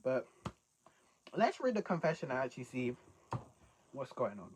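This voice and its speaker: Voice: mid-range voice, sing-song, normal speed, a little mellow, breathy edge. A young British adult chatting casually as a video host, reacting to confessions with slangy, incredulous rhetorical questions.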